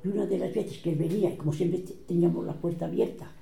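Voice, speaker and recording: An older woman with a Catalan accent recounts old family quarrels in a lively storytelling manner. She slips into the voices of the people she quotes. Her voice is very dark and mellow, and it rings in an echoey room. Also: on the low side, fast, gravelly, slight background noise. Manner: animated, acts out quoted voices. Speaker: relative recounting family history.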